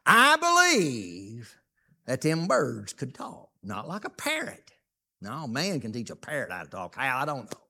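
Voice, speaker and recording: A man with a high-pitched, sharp voice delivers a folksy, plainspoken sermon. He reads scripture aloud and leans on certain words, drawing them out for emphasis.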